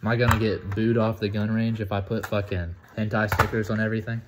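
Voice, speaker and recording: An eighteen-year-old man from the United States chatting casually on a vlog, excitable, profane and rambling. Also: lowish voice, fast, heavy background noise. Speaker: vlogger.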